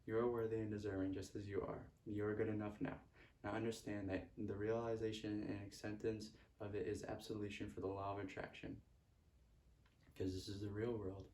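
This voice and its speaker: A man's voice: lowish voice, little pitch movement, fairly quick, mellow, far from the mic. A man giving a motivational self-help talk, repeating earnest affirmations. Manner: earnest, repetitive affirmations with stray laughs. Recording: echoey room, speaker off-mic.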